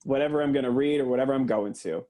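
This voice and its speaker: A man doing an earnest, deadpan mock lecture for a comedy podcast, with lots of hesitant fillers. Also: mid-range voice, rapid-fire.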